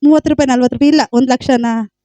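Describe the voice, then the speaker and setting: A woman's voice: sits high, fairly even intonation, racing, dark tone, no echo, highs cut off. A woman preaching a sermon with a Kannada accent, emphatic, repeating phrases and calling out hallelujah.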